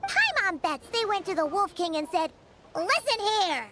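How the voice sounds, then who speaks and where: A woman voicing a tiny, childlike, perky fairy companion in a video game, chirpy and excitable. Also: very high-pitched, moderate pace, very noisy. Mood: encouraging. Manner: chirpy, excitable, speaks of herself by name. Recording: loud game music behind.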